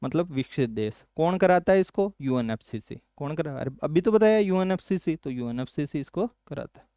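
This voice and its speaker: A male teacher from Rajasthan, India, leads an animated current affairs exam-prep lesson, firing off quick questions and then answering them in a lower, softer voice. The audio is studio quality with no echo.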